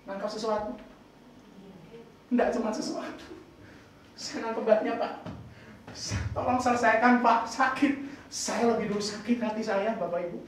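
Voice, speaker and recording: A man's voice: high voice, steady tone, moderate pace, long pauses, a little hiss or hum. A man preaching a sermon as pastor, playful and teasing, throwing questions at the congregation. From Indonesia. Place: church hall. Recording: echoey hall, far from the mic.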